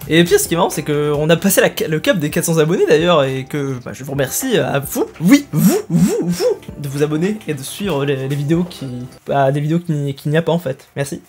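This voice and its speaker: A man's voice: on the high side, big pitch swings, brisk, hardly any pauses, darkish tone, soft background music. A young man chatting casually to his viewers, self-mocking and hesitant with many fillers. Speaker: youtuber. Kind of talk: casual vlog talk to viewers.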